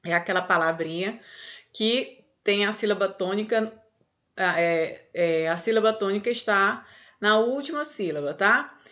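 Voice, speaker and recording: A woman's voice: medium pitch, measured pace, pushed and bright. A Brazilian woman teaching a grammar lesson, patient and explaining step by step, checking in often with her students.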